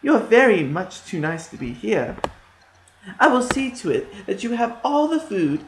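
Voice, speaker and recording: A cunning witch who fattens children up to eat them, as a storyteller puts her on. She talks slow and sweet in a raised voice that leaps way up, with a sinister edge. It sounds like an echoey room. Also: high voice, big pitch swings, background noise, pitched above the performer's own voice. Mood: falsely kind.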